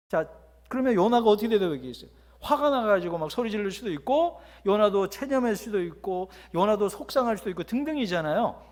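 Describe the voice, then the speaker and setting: A male pastor teaches a seminar in a church sanctuary with a high, animated voice. He speaks in a lively, conversational way and keeps asking the audience questions. A long reverb hangs after his words. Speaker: guest pastor leading a seminar. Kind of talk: sermon-style teaching.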